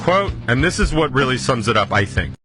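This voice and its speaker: Man Blunt commentator reading quotes aloud, mid-pitched voice, clear music underneath. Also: sing-song, fairly quick. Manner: blunt, scornful.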